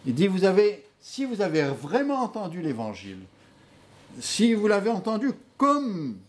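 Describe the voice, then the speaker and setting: A man preaching a sermon, telling stories in an animated way with many hesitations. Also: sits high, normal speed.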